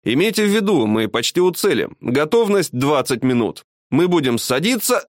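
A man's voice: a little high, very animated, normal speed, no echo, clean studio sound. Man doing a commanding falcon pilot. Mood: announcing. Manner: urgent, commanding shouts.

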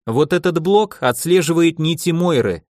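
Man voicing a brash young man, high-pitched, insolent, mocking, dry studio sound. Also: animated, normal speed, a little mellow, dry recording, natural voice. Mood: scheming. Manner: insolent, teasing.

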